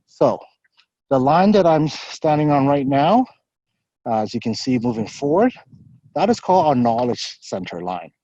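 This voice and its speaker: A university staff member leads a live virtual campus tour, explaining things and answering questions while slightly out of breath from walking, often saying "um" and "so". His medium-pitched voice is warm and sing-song at a moderate pace, and the recording is dry and muffled.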